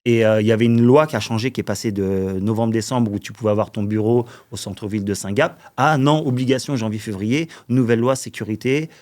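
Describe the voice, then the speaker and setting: A man's voice: on the low side, fast talker, hardly any pauses, a little mellow. A man in his forties from the Paris suburbs, a podcast guest telling long anecdotes in casual chat, with many fillers and frequent chuckles. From Paris suburbs, France. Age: 40s. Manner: rambling storyteller, filler-heavy, chuckles often.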